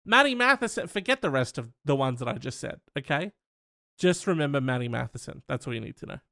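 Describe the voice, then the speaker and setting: A man's voice: mid-range voice, no room sound, clean studio sound. A man hosting a comedy podcast, rambling and joking casually and swearing a lot. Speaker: podcast host.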